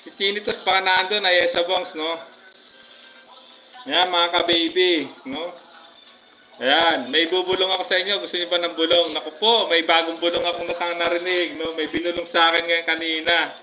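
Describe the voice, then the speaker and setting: A man with a Filipino accent, chatting casually on a live stream, giving viewers shoutouts with many fillers. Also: high voice, flat delivery, normal speed, soft background music, poor audio. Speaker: livestream vlogger.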